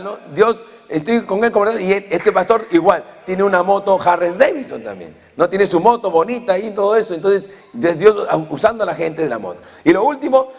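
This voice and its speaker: Fervent gravelly-voiced man preaching in a hall. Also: sits high. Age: 40s. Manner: fervent preaching peppered with amen and hallelujah. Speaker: pastor. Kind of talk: sermon. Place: church hall. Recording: long reverb of a church hall.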